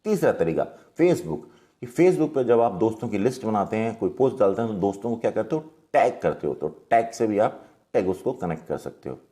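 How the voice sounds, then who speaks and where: A man, teaching general-knowledge memory tricks in a lively storytelling way. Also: lowish voice, fairly quick. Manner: lively, storytelling, acts out little quotes.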